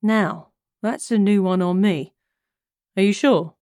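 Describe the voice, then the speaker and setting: A woman's voice: medium pitch, takes it slowly, a little mellow, no room sound, clean studio sound. Woman as easygoing male detective, cozy mystery dialogue. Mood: casual, probing.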